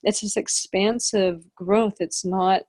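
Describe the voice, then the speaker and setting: A woman's voice: mid-range voice, fairly even intonation, takes it slowly, darkish tone, dry recording. A woman co-hosting a podcast, talking in a rambling, reflective way with frequent restarts as she searches for words. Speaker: podcast co-host. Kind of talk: casual spiritual conversation.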